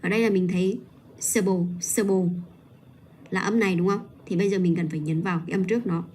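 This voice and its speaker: A woman teaching pronunciation on a livestream, patiently modeling and repeating each word slowly. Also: on the low side, steady tone, a little mellow, a little hiss or hum. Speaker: English teacher.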